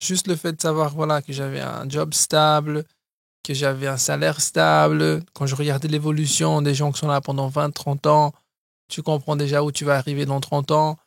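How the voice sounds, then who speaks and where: Speaking at a normal speed with little pitch movement, this gravelly, slightly high male voice belongs to an entrepreneur in his thirties from Brazil. He's a guest on a casual podcast, recounting his story with frequent hesitations and restarts. The sound is dry and studio quality.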